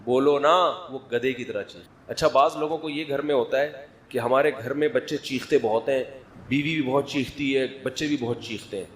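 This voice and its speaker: A middle-aged man, preaching in a conversational sermon, prodding listeners for answers and joking. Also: medium pitch. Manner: conversational, humorous, prods the audience for answers. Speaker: religious scholar.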